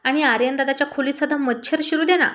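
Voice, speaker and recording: A woman's voice: high-pitched, fairly even intonation, fast talker, a bit bright. A woman voicing a young girl complaining about her mother. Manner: whiny, complaining.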